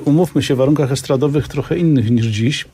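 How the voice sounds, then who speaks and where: Husky, mellow male radio co-host. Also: mid-range voice, brisk. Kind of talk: radio interview.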